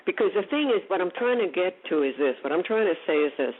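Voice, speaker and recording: A woman's voice: lowish voice, expressive, fast talker. Woman radio host, emphatic and probing, tinny narrow audio. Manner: probing, emphatic, repeats herself. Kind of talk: call-in radio talk.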